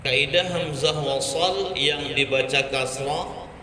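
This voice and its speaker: A man teaching Quran reading, patiently repeating Arabic words and chanting them slowly. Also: on the high side, background noise. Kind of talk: slow Quran recitation lesson. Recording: echoey hall with faint ambience.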